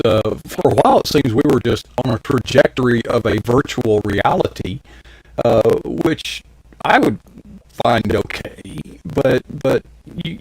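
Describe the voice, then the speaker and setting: A man's voice: medium pitch, a little mellow, breathy edge, no room sound. A man, hosting a talk show and telling rambling, folksy stories that he laughs through. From American South. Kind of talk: casual storytelling chat.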